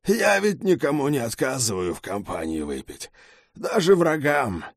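A hulking gang leader, voiced by a male narrator who talks blunt and rough, growling his words. His pitch swings widely, and the sound is close and dry. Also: sing-song, moderate pace, no room sound, heavily acted. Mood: gruff.

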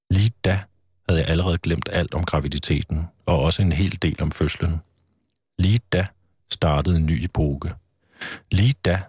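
A man with a very deep, husky voice reads from his own book in a calm, measured way. The studio sound is close and dry. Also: no room sound. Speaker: author guest. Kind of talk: reading aloud from his book.

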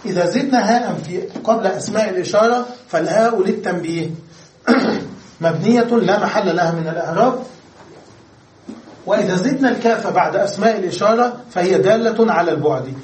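A man's voice: high-pitched, a little mellow, a little hiss or hum. A man teaching Arabic grammar in a classroom lecture, explaining step by step and checking that students follow. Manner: explains step by step, checks understanding with quick questions. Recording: echoey room from a distance.

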